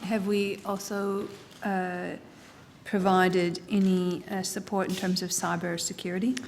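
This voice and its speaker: A woman with a lowish voice presses officials with measured, persistent questions at a committee hearing. Her voice carries a long reverb from a large hearing room, with faint ambient noise behind it. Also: flat delivery, a little mellow.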